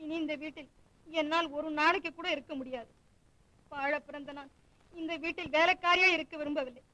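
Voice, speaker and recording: Give me a bitter young wife from an old film drama, high and shrill. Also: female voice, steady tone, a little fast, pushed and bright, rough recording. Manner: bitter, sarcastic complaining. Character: discontented sharp-tongued young wife. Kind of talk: 1950s film drama acting.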